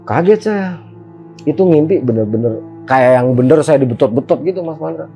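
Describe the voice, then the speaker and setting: Lively Jakarta-accented man telling a tale. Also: on the high side, moderate pace, faint music behind. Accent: Jakarta Indonesian. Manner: animated, slangy, addresses the host as Mas. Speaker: guest. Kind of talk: casual storytelling.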